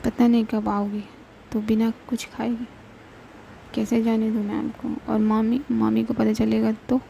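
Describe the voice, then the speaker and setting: A woman voicing a tearful, gentle and caring young woman in a read-aloud love story, in a flat, gravelly voice. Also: a little high, a little hiss or hum, poor audio.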